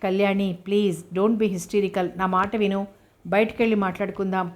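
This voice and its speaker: Woman voicing a pleading young man, soothing and coaxing, even flat tone, storybook reading. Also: mid-range voice, measured pace, close to an everyday voice.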